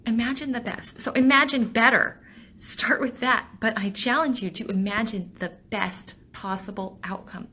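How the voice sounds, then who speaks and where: Young woman, bright voice, emotional motivational trainer, rapid rhetorical questions. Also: fairly high pitch. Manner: passionate, rhetorical questions, laughs and sighs. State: tearful, emotional. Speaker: motivational trainer for a sales team.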